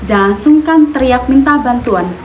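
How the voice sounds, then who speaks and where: A higher-pitched young woman plays a friendly, playful customer support agent. Her scripted introduction runs over clearly audible background music. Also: lively intonation, normal speed. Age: young adult. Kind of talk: scripted self-introduction in a class role-play.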